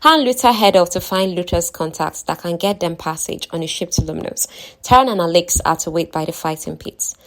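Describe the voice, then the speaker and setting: A woman's voice: on the low side, brisk. Chatty woman recapping a fantasy novel. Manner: chatty, conversational, talks to listeners. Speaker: book recap narrator. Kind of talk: casual story recap with asides.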